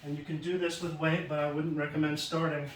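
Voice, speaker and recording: Brief: male fitness instructor, slightly high, even delivery, casual demo patter, roomy echo from a distant camera. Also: brisk, a little hiss or hum. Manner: explains while demonstrating moves, casual and plain. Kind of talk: exercise demonstration lesson. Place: home basement. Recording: roomy echo from far off, faint ambience.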